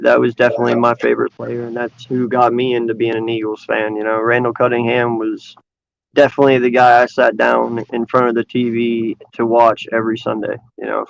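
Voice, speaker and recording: A man's voice: medium pitch, level tone, normal speed, gravelly, dry recording. A man in his thirties hosting a casual sports podcast, easygoing and chatty. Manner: easygoing, plugs the channel. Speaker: podcast host. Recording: dull lo-fi online call audio.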